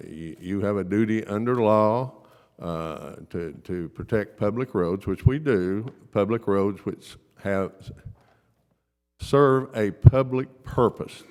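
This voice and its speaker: Low-pitched man, firm and emphatic. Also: darkish tone. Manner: firm, emphatic, repeats points, legalistic. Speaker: county official, attorney for the court. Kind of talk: formal remarks at a public meeting. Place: large public meeting room. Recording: echoey meeting hall.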